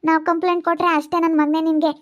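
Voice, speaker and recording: A woman's voice: very high voice, little pitch movement, rapid-fire, lo-fi sound. A woman playing a worried older mother who scolds her daughter's husband. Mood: scolding. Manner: scolding, pleading. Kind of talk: amateur family drama skit.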